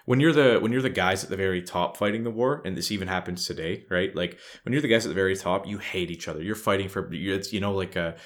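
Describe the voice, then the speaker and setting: A man with a deep, low voice co-hosts a casual history podcast. He tells the story loosely and animatedly, tossing in "right?" and playing out little quotes as he goes. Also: quick pace, hardly any pauses. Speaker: podcast co-host.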